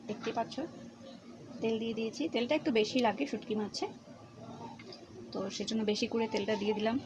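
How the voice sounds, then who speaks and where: A young woman talks softly through a casual cooking vlog, keeping her voice low so people nearby will not hear. She is recorded without a mic in a dim home kitchen, and clear background noise and household ambience run under her speech. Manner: speaks softly and low because others are nearby. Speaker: cooking vlogger. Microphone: no external mic.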